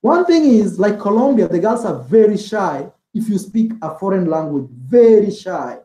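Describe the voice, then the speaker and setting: A travel vlogger appears as a guest in a casual interview chat, rambling loosely and leaning heavily on "like" and "man" as fillers. His voice sits high and mellow, with lively intonation at a normal speed, and the sound is reverberant.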